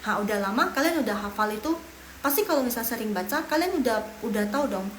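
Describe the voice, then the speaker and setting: A woman's voice: fairly high pitch, expressive, fast talker, echoey room, a little hiss or hum, rough recording. A young woman from Medan with a Medan accent, teaching a casual online Mandarin lesson, encouraging and drilling tones aloud. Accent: Medan Indonesian. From Medan, Indonesia. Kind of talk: live online language lesson.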